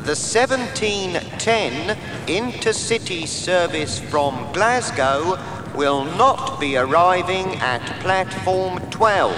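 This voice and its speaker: A calm male railway announcer, as a man plays him makes a train station announcement in a very slow, high, lilting voice. It rings through a big echoing hall with a long tail of reverb. Music plays clearly behind him. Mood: announcing. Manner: slow, measured, evenly spaced announcing. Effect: train station public address announcement. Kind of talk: scripted language-course recording.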